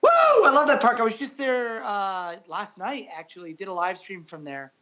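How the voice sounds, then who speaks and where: A man's voice: high voice, sing-song, normal speed, bright, forceful tone, lo-fi sound. A man chatting as a podcast guest, rambling with lots of uhs, ums and restarts. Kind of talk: casual podcast chat.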